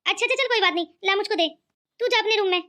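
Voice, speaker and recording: A woman's voice: very high-pitched, rapid-fire, bright, forceful tone. A woman voicing a scheming, greedy middle-aged mother-in-law who scolds and taunts. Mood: scolding.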